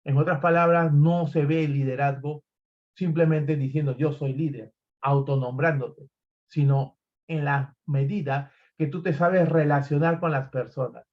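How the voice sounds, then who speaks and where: A man's voice: fairly high pitch, steady tone, measured pace, highs cut off. A man giving a recorded leadership lecture, talking animatedly, acting out examples and often restarting his phrases. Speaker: leadership trainer.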